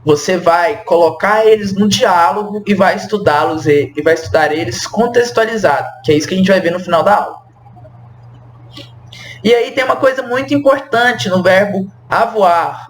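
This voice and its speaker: A young man teaching French to Portuguese speakers, talking slowly and repeating each phrase, often checking in with the viewer. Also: high voice, slight background noise. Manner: slow, repeats phrases, asks the viewer questions. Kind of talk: explaining a language lesson.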